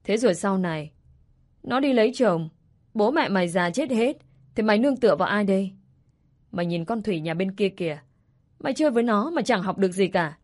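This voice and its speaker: A woman's voice: medium pitch, expressive, a little fast, a little mellow, natural voice. A woman voicing a grumbling, scolding older rural mother in a story reading.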